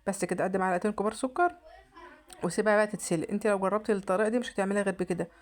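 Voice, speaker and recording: Egyptian woman vlogger, very quick, chatty home-cooking voice-over, trips over her words. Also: medium pitch. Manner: chatty, repeats and restarts often. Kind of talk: casual cooking narration.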